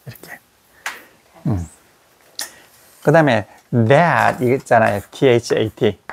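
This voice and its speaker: A man teaching an English grammar class, repeating English words slowly to model their sounds for students in a small classroom. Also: mid-range voice, gravelly, a little hiss or hum.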